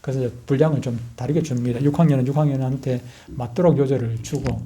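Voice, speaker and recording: A middle-aged pastor preaches a sermon full of personal stories, telling them animatedly and acting out scenes with loud outbursts. He speaks at medium pitch and a quick pace.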